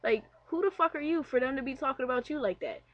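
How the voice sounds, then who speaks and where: A woman's voice: high-pitched, lively intonation, quick pace, highs cut off. A young woman vlogging a casual, personal rant in a candid, conversational, slangy way, swearing freely. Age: young adult.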